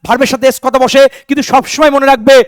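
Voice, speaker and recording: A man's voice: extremely high pitch, flat delivery, clean tone, dry recording. A middle-aged man teaching an exam-prep English class, drilling rules with rhetorical questions and repetition. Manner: slows to spell out example sentences. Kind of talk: recorded online class lecture.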